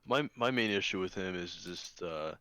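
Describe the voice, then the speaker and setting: A man's voice: deep voice, animated, normal speed, pushed and bright, clear, resonant tone. A man from Michigan, a guest in a casual discussion, talking hesitantly with many restarts.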